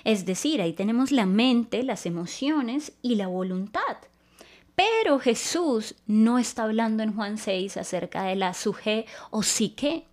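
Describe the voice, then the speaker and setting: A woman's voice: fairly high pitch, expressive, a little slow, a little mellow. A woman preaching a Bible teaching sermon, explaining word meanings in an earnest, patient way.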